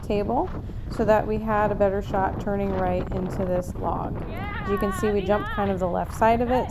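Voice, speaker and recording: A woman giving an upbeat, casual voiceover commentary as a rider reviewing her own ride. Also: medium pitch. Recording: clearly noisy, outdoor ride sound behind. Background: helmet-cam ambience of horse riding.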